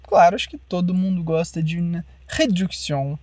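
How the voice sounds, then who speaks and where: A French teacher gives a language lesson, modeling phrases slowly and carefully so the listener can repeat them. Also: medium pitch, warm tone.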